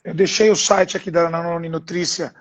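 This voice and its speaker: A man's voice: a little high, flat delivery, normal speed, muffled recording. A Brazilian man, a father and guest, explaining earnestly with everyday examples in a casual chat. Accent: Brazilian Portuguese. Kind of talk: casual video-call chat.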